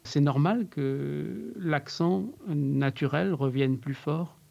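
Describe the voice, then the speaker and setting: A man working as an accent coach, explaining in an interview in a measured way with frequent hesitations. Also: on the high side, gravelly, a little mellow, highs cut off.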